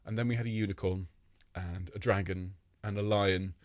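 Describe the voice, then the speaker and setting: A man's voice: sits low, steady tone, normal speed, dry recording, clean studio sound. A man, leading a live online choir rehearsal, greeting singers by name with friendly jokes and chatter.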